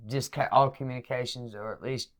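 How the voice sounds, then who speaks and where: A man's voice: mid-range voice, fairly even intonation, a little fast. Sympathetic male podcast host. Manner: sympathetic, prompting with short backchannels. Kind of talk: casual interview chat.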